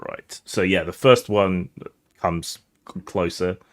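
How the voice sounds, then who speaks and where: A man's voice: low-pitched, steady tone, takes it slowly. A tired man running a tabletop game as game master, narrating with dry, understated humor.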